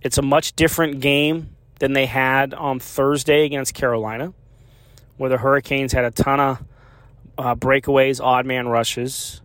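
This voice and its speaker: A man's voice: medium pitch, little pitch movement, a little slow, fairly bright tone, no echo. A man, a hockey beat reporter, talking through a post-game analysis in a conversational way and repeating his key points for emphasis.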